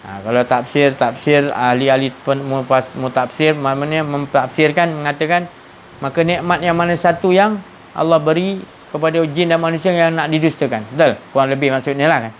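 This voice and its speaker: A man's voice: on the high side, fairly even intonation, moderate pace, a little hiss or hum. Malaysian man teaching a Sufi talk. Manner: conversational, rhetorical questions, many restarts. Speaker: religious teacher.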